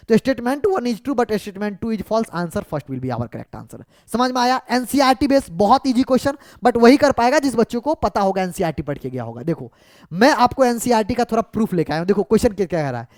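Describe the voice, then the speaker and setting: Animated male tutor scolding and coaxing students. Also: extremely high pitch, no room sound, clean studio sound. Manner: animated, scolds and coaxes students, often asks if they understood; mixes English terms into Hindi explanation. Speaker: chemistry exam tutor. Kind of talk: explaining exam paper solutions.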